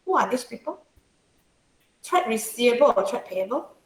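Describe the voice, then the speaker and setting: An accounting tutor with a Singaporean or Malaysian English accent runs an informal tutorial in a roomy, echoey space. Her voice is on the high side and expressive, at normal speed, and she often checks in with questions and uses colloquial particles.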